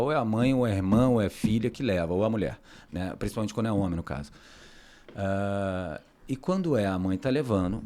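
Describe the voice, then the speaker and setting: Slangy low-voiced Brazilian man host. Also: warm tone. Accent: Brazilian Portuguese. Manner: informal, slangy, rambling. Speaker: podcast host, nutritionist. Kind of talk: casual podcast conversation.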